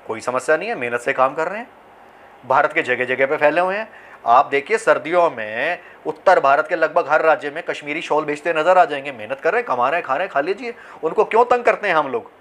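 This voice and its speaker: A man speaking in a slightly higher register delivers a solo commentary. He presses his point with rhetorical questions and bursts into emphatic, heated phrases. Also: expressive, fast talker, fairly bright tone. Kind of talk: opinion monologue.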